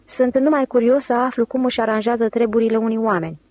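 A woman's voice: on the high side, fairly even intonation, darkish tone, dry recording, close to an everyday voice. A woman reading a sly young adventurer. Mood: anxious. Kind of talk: audiobook character reading.

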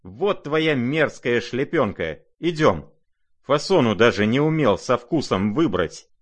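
A man voicing an irate, imperious older noblewoman who scolds in shrill, impatient outbursts. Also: sing-song, measured pace. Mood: scolding.

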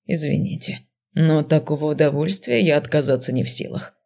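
A woman reading the part of a smug, teasing male dark mage dean in an audiobook, dropping her voice low and slowing into a mocking murmur. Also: gravelly.

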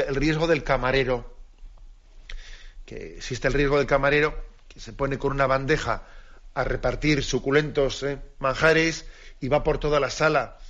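Earnest priest on lo-fi radio. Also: male voice, mid-range voice, fairly bright tone. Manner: earnest, repeats key phrases for emphasis. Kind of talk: radio catechism talk. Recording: dull lo-fi radio broadcast.

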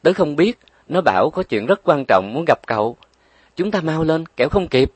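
A man's voice: on the high side, very animated, breathy edge, dry recording, pitched above the performer's own voice. A worried older brother speaks in a hurry, voiced by a male storyteller. His voice sits a little above normal. The recording is dry and close. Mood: urgent. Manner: hurried, anxious. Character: worried young man, anxious older brother.

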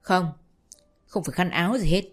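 A woman's voice: fairly low pitch, normal speed, natural voice. Woman reading a curt stern householder. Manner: curt, few words.

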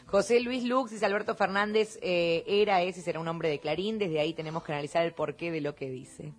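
A woman's voice: on the low side, fairly quick, soft background music. A woman co-hosting a radio show, reading listener messages aloud.

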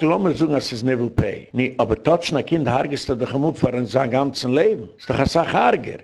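A man's voice: medium pitch, creaky, darkish tone, husky, no room sound. A man giving an impassioned lecture as a rabbi, speaking emphatically and slipping English words into his speech.

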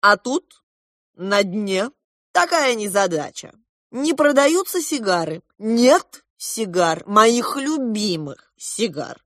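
A woman reading aloud, voicing a fussy older man who pleads in drawn-out words. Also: medium pitch, animated, fairly bright tone, no room sound, studio quality, pitched above the performer's own voice. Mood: pleading.

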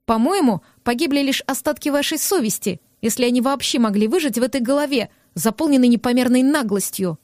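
A woman reading a proud, hot-tempered young woman in an audiobook, sharp and defiant in every retort. Her voice is on the high side and dry, close to the mic. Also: fairly quick, hardly any pauses, no echo, close to an everyday voice. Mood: indignant. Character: fiery young red-haired woman, proud and stubborn.

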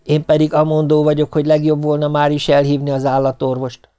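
An anxious middle child full of questions, as a man voices it in a storybook reading. The pitch is raised above the reader's own, with a fretful, questioning lilt. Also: completely flat delivery, mellow, clear, resonant tone, no echo, lightly acted. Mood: worried.

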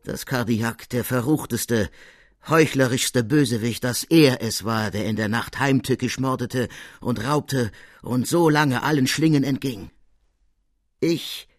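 A man voicing a proud, soldierly male count with a husky voice, speaking in a measured, courtly and emphatic way. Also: mid-range voice, no room sound, clean studio sound, close to an everyday voice. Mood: earnest.

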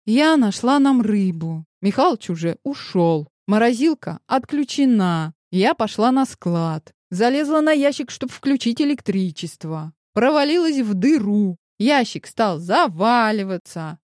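Brief: woman voicing a sharp-tongued office secretary, audiobook, a bit higher and louder, dry read. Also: expressive, measured pace, hardly any pauses, no room sound. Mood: exasperated. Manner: blunt, dismissive, matter-of-fact.

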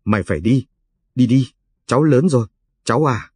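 A man voicing a gruff, soft-spoken grandmother over a hundred years old. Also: mid-range voice, expressive, normal speed, dry recording. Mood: gentle, blunt. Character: frail centenarian grandmother, gruff but tender.

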